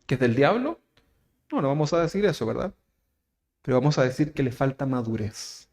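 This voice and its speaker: A man with a Chilean accent preaching a sermon as pastor, asking his listeners questions and tagging lines with "¿verdad?", swinging from loud emphatic phrases to soft asides. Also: mid-range voice, sing-song, a little fast. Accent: Chilean Spanish. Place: church.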